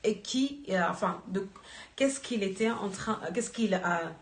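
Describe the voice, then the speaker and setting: Brief: slow, earnest woman exhorting a church group, echoey room. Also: medium pitch, expressive. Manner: slow, earnest, searching for words. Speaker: church member giving an exhortation.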